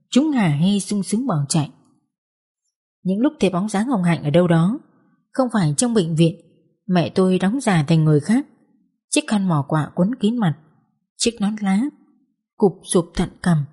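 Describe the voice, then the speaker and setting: Audiobook narrator, female, measured dramatic reading, lowish mellow voice. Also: husky. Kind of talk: scripted narration.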